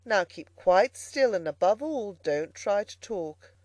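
A kindly gentleman motorist from a storybook, put on by a woman narrator. He is solicitous and proper, speaking with courteous emphasis. The sound is very dry, with no room around it. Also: mid-range voice, animated, slow pace, no room sound. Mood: kindly concern. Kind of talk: storybook character voicing.

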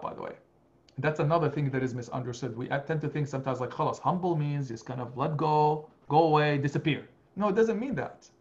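Imam guy in his 40s teaching over a video call from home, fairly high voice, kinda muffled webcam sound, earnest and gentle. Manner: earnest, gently instructive, sprinkles Arabic phrases. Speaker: imam teaching a study circle. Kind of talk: online Quran study session. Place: home study with lamp and bookshelf.

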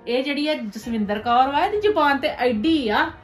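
A woman playing a meddling, sharp-tongued village aunt who gossips and scolds in a web series drama. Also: high-pitched, animated, moderate pace, faint music behind. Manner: gossipy, scolding, ends remarks with "haiṅ?". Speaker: paternal aunt.

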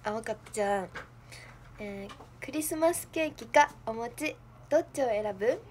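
A woman's voice: fairly high pitch, lively intonation, moderate pace, darkish tone, slight background noise. A young woman with a Kansai accent, hosting a livestream in casual chat, playful and giggly, thinking aloud. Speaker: idol livestream host.

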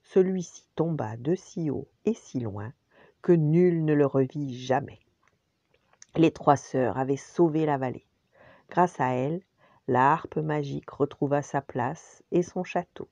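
An older woman, a grandmother, telling a bedtime story gently and expressively, sometimes dropping to a whisper. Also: low voice, unhurried, gravelly, no room sound, muffled recording.

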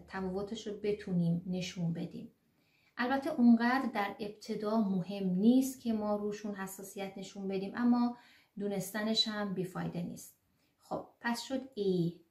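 A woman's voice: mid-range voice, a little mellow, reverberant. Persian-speaking woman teaching German sounds. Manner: explanatory, repeats sounds slowly with many fillers. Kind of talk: online language lesson.

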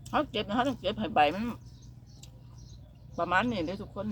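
A woman's voice: mid-range voice, fairly bright tone. A middle-aged woman with a northeastern Thai Isan accent, chatting casually between mouthfuls as she vlogs her meal. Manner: talks between mouthfuls, with chewing pauses. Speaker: vlogger. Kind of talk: casual chat while eating. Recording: noisy outdoor ambience with birds.

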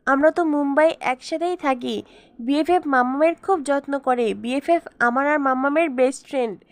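A woman's voice: high voice, moderate pace, dry recording. A woman reading the lines of a chatty, curious little girl in a spoken story recap. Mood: eager.

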